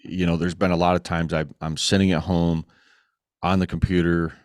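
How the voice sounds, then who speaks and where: A middle-aged man with a very deep voice speaks as a podcast guest. His delivery is flat and earnest, with halting pauses, and the sound is close and dry. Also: no echo. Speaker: guest, racing club organizer. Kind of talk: casual podcast interview.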